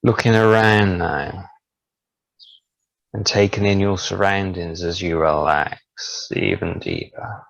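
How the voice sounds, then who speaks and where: A man leading a guided hypnosis relaxation, speaking in slow, soothing, drawn-out phrases. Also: sits low, steady tone, gravelly, dry recording, rough recording.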